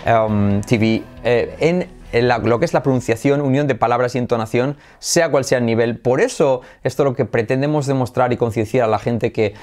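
A man gives an English pronunciation lesson. His voice sits at a medium pitch. He explains each key sound and repeats practice sentences slowly for the learners. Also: a little mellow. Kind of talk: spoken language lesson.

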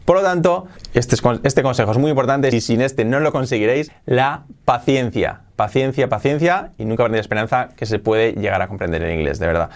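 A man teaching a video lesson on learning English, lively and emphatic, repeating words for stress. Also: medium pitch. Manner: energetic, repeats words for emphasis, models English phrases slowly.

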